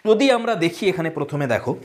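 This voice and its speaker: Lively woman teaching English poetry. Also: lowish voice, a little fast. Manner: explains step by step, asks and answers her own questions. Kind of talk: online video lesson.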